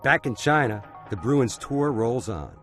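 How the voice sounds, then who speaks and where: A man's voice: mid-range voice, big pitch swings, unhurried. A man giving scripted documentary narration as a studio voice-over, with an upbeat, wry storytelling manner. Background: soft music bed.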